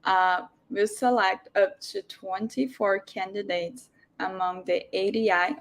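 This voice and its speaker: A woman hosting an online information session over a video call, welcoming people in an unhurried way with frequent fillers. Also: medium pitch, fairly even intonation. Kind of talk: hosting a virtual info session.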